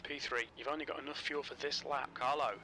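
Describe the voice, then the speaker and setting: A man delivers terse pit radio calls in short, flat bursts, calling out fuel, position and nearby cars at a mid-range pitch. Loud race car engine noise runs under every word. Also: a little fast. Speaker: race spotter and crew chief. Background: race car engine and track noise.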